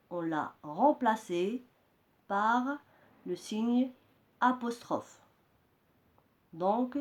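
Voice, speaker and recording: Very slow-speaking woman teacher. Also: mid-range voice, darkish tone. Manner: deliberate, repeats key words for students. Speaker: French teacher. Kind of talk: slow classroom explanation.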